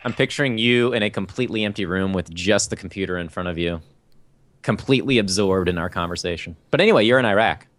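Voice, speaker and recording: A man's voice: low-pitched, fast talker, a bit bright. An American man hosting a podcast in a casual, chatty style. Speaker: podcast host. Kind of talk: casual chat.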